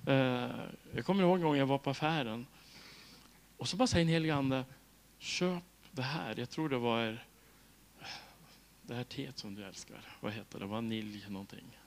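A man's voice: medium pitch, pauses often. A middle-aged Swedish man preaching a sermon, telling stories with laughs and acting out dialogue. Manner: lively storytelling with laughs and acted-out dialogue. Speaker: pastor.

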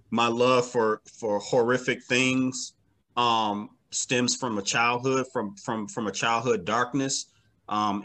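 A comic book writer speaks as an interview guest, casual and reflective, repeating phrases with emphasis to drive his points home. His lowish voice sounds pushed and bright.

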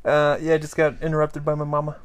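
A man's voice: on the high side, monotone, fast talker. A man, a podcast co-host telling jokey stories in a casual chat, swearing freely. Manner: joking storyteller, swears freely.

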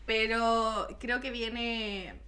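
A woman's voice: a little high, fairly even intonation, very slow, a loud crowd. A young woman with a Chilean accent chatting casually on a podcast in Spanglish, emphatic and repeating words, dropping English slang into her Spanish.

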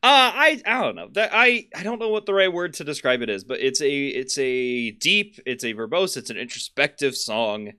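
Man, podcast co-host, casual chat, animated pitch, sharp bright tone, laughing restarts. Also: clean tone. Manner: laughing, joking, halting restarts.

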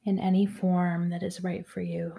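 A woman leading a guided meditation in a soft, soothing voice that often drops to a whisper. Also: on the low side, level tone, normal speed, vocal fry, breathy edge.

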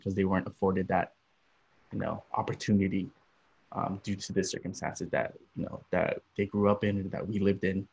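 A young man from Los Angeles, a podcast guest, talking about his upbringing in a relaxed, rambling way with many fillers. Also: sits low, creaky, breathy edge. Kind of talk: casual interview. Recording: dull lo-fi audio.

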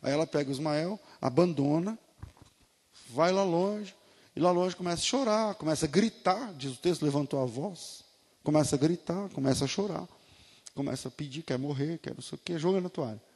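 A Brazilian pastor with a high, ringing voice preaches to his church. He fires off rhetorical questions and swings from soft asides to full shouts. His voice trails off in the long reverb of a big hall. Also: fairly quick, husky. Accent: Brazilian Portuguese. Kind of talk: sermon.

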